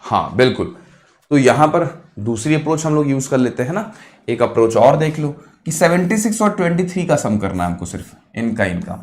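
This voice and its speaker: A man teaching a live online exam-prep math class, encouraging, repeating each answer, and mixing quick calculation with motivational asides. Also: mid-range voice, sing-song. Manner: encouraging, repeats answers, addresses students as kids.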